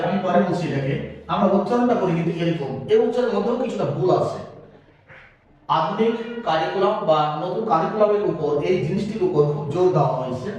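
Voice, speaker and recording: A man with a Bangladeshi Bengali accent teaching a classroom lesson, explaining slowly and repeating sounds as he writes. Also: high voice, darkish tone, dull audio. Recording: very echoey room, mic far off.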